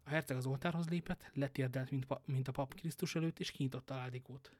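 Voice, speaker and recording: A man reading a novel aloud, a lively storyteller who adds casual joking asides. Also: mid-range voice, dry recording. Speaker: audiobook reader.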